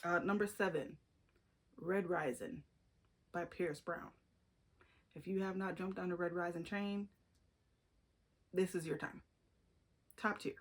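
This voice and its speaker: A woman's voice: fairly low pitch, fairly even intonation, a little slow, pauses often. A woman talking casually to camera about her favorite books, chatty and gushing, with restarts and fillers. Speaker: book reviewer. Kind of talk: casual book review vlog.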